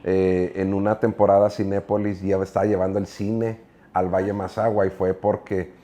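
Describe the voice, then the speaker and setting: Man, Mexican accent, middle-aged, low mellow voice, rambling interview storytelling. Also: little pitch movement, moderate pace. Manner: earnest, rambling, with frequent filler words. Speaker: guest preacher.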